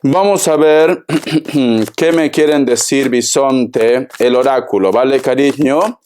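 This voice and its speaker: A man's voice: mid-range voice, takes it slowly, a little mellow, a little hiss or hum. A man from Peru, giving a casual, theatrical tarot reading and constantly calling the listener darling. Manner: chatty, keeps calling the listener darling and bison; theatrical, acts out imagined clients. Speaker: tarot reader.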